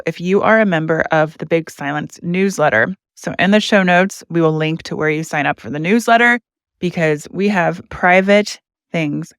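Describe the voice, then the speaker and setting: A woman's voice: on the low side, no echo. Upbeat woman podcast host, dry sound. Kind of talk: casual podcast interview.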